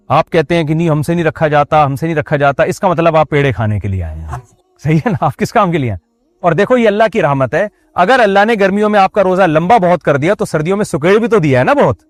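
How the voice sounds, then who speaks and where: A man's voice: fairly high pitch, no echo. A man from Pakistan giving a religious lecture as a preacher. He speaks conversationally, mixes in jokes, and asks his listeners many rhetorical questions. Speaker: Islamic preacher.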